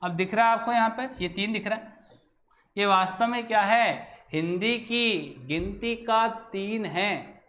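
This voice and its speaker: High-voiced Hindi grammar teacher. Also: male voice, a little slow, fairly bright tone. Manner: asks questions then answers them himself. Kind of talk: explaining lesson at a board.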